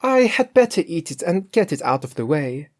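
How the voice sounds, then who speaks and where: A woman storyteller voices a cheeky, greedy cook from a storybook, pushing her lowish voice upward into a sing-song at normal speed. The character is merry and emphatic, exclaiming loudly and full of excuses for herself.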